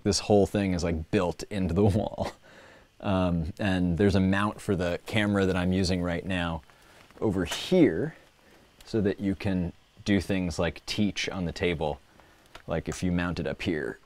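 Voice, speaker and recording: Low and a little mellow, a man's voice carries a casual, playful livestream of rambling show-and-tell. He broadcasts from a personal workspace indoors, and the room recording is clearly noisy, with clicks.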